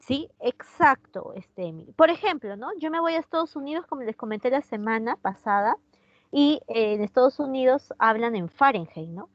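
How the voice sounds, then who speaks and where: A woman's voice: fairly high pitch, lively intonation, normal speed, no room sound, dull audio. A Peruvian woman with a Peruvian Spanish accent teaching an online chemistry class, chatty, often asking her students questions and answering their comments. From Peru.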